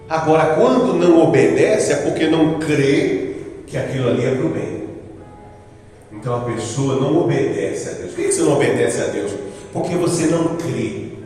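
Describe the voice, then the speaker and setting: A male preacher with a fairly high, very lively voice, swinging up and down as he fires off rhetorical questions and acts out little exchanges. He sounds distant from the mic, in a big echoing hall with a long reverb tail. Faint music plays behind him. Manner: animated and emphatic, with rhetorical questions and acted-out dialogue. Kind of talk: sermon.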